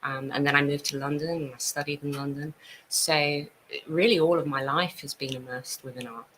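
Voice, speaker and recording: Woman from Italy, talk show guest, low voice, bright tone, earnest, faint background noise. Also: steady tone, normal speed, poor audio. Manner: friendly, earnest, explanatory. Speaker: guest, art events business owner. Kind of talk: casual chat.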